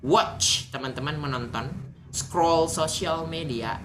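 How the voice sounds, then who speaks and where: Low-voiced woman teaching a class. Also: slow pace, noisy background. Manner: patient, explains step by step with frequent check-ins to the class. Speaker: English teacher. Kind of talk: online class lesson.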